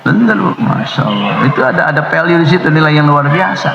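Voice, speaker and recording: A man's voice: fairly high pitch, big pitch swings, fast, creaky. A middle-aged man preaching a Ramadan dawn sermon, joking and acting out little dialogues. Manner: joking, storytelling, acts out dialogue. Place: mosque hall. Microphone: recorded off a loudspeaker upstairs. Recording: muffled echoey loudspeaker recording. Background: children's noise.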